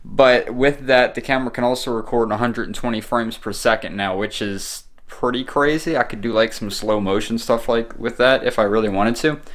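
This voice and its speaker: A man's voice: medium pitch, moderate pace, hardly any pauses, a bit bright. A man giving a casual, unscripted show-and-tell vlog in a rambling, laid-back way, recorded on a camera in his room at home. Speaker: vlogger showing a home tech setup. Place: bedroom at home.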